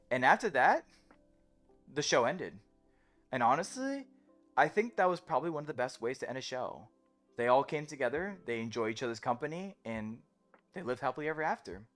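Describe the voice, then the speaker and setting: Chatty, animated man rambling on livestream. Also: mid-range voice. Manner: chatty, self-described yapper who keeps talking. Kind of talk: casual rambling livestream chat.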